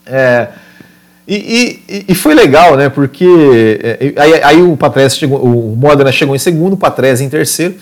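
A man with a Brazilian accent giving casual motorsport commentary, telling race stories in an animated way and often repeating words and adding tag questions. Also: medium pitch, measured pace. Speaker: motorsport podcast or stream host.

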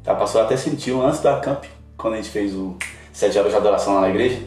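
Man, guest missionary, earnest testimony, heard from a distance in a roomy space with soft music. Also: on the low side, quick pace. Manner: earnest, emotional storytelling. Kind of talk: personal testimony in a podcast interview.

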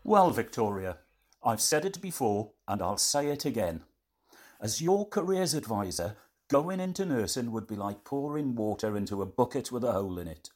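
A man's voice: mid-range voice, big pitch swings, moderate pace, a little mellow. A man playing a blunt, dismissive careers advisor who lectures and belittles. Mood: condescending.

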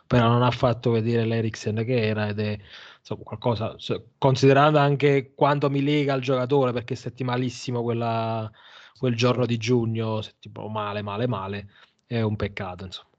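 Male podcast pundit, blunt and repetitive, average pitch, casual talk, slightly lo-fi recording. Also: little pitch movement, moderate pace. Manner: blunt, repeats himself. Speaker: podcast panelist. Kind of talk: casual opinionated football chat. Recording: slightly dull, lo-fi podcast audio.

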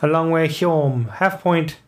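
A man's voice: fairly high pitch, slow pace. A man hosting a music quiz show in natural, unscripted, casual and easygoing talk.

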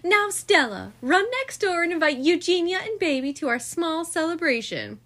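A woman's voice: very high-pitched, very animated, normal speed, a bit bright, pitched above the performer's own voice, full character voice. A woman voicing a fond, sweet, doting lady in a storybook. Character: doting, cheerful older woman.

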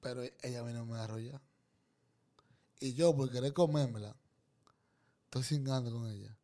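A man's voice: mid-range voice, steady tone, moderate pace, mellow. Rowdy, crude joking man. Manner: crude, teasing, boisterous banter. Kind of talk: casual joking chat.

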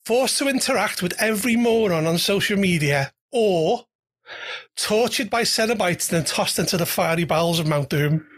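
Husky-voiced giggling podcast host. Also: mid-range voice, expressive, normal speed. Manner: giggly, laughs often, teasing questions. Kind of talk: casual interview chat.

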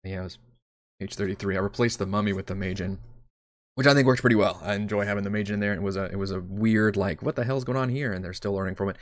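A man with a deep, low voice talks casually as a game master, wandering from thought to thought and teasing himself. The sound is dry and close, with no room around him. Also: steady tone, fast talker, dry recording. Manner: rambling and self-deprecating, swears casually. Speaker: dungeon master. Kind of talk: casual livestream chat while prepping a game.

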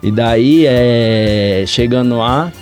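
A man's voice: medium pitch, drawn-out words, darkish tone, soft background music. A man from Paraíba, a podcast guest telling a long story in a rambling, casual way. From Paraíba, Brazil. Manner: rambling, with frequent "entendeu?" and "velho".

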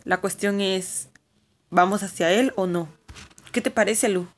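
A woman's voice: mid-range voice, steady tone, unhurried, lightly acted. A sensible older boy who speaks steadily and plainly, as a woman narrator voices him. The reading stays close to her own voice, in a storybook reading. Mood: steady. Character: boy, the steady eldest brother.

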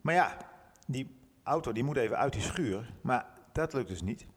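A man from Groningen chatting easily on a podcast, quick to laugh and tease. His pitch is middling, and his voice rings with a long room reverb. He sounds unhurried and friendly. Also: expressive, husky. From Groningen, Netherlands. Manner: laughs often, easygoing banter. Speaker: podcast co-host, physiotherapist. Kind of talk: casual chat.

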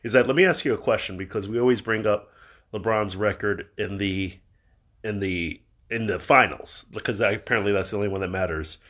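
A man's voice: fairly low pitch, brisk, a bit bright. A man in his thirties co-hosting a casual podcast chat, cracking dry sarcastic jokes. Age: 30s. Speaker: podcast co-host.

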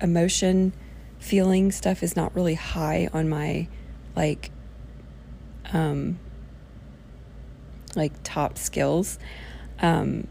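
Gravelly-edged woman, rambling informally. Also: lowish voice, mellow, a little hiss or hum. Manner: rambling, thinking aloud. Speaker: workshop presenter. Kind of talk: informal self-help workshop talk.

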